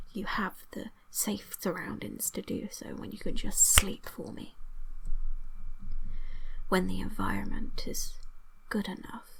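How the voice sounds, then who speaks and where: A woman giving an ASMR hypnosis session in a breathy whisper, coaxing the listener with repetitive suggestions and lingering pauses, close to the microphone. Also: mid-range voice, a bit bright, poor audio.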